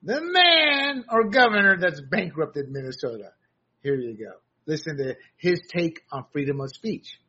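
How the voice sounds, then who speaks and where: A man delivers a combative political monologue with biting sarcasm and a bright, forceful edge. His voice is husky and a little raised in pitch. The audio is dull and lo-fi. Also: very animated, a little slow. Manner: combative, sarcastic, rising to shouts. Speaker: political commentary host.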